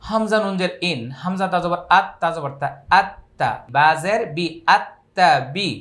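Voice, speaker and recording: A man from Bangladesh teaching Quran reading with a Bangladeshi accent, spelling each word letter by letter and then chanting it in long drawn-out recitation. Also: high voice, a bit bright. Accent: Bangladeshi Bengali. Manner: slow drawn-out chanted recitation between brisk spelling drills.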